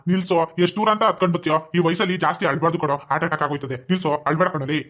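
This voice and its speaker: Actor as a testy village headman, fast and high, Mandya accent. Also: a bit bright, natural voice. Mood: gruff. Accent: Mandya Kannada. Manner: gruff, commanding.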